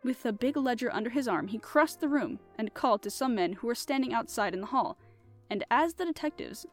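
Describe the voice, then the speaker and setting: A woman podcast host reading a classic mystery novel aloud in an expressive, animated style. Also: fairly high pitch. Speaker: podcast host and audiobook reader. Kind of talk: audiobook narration.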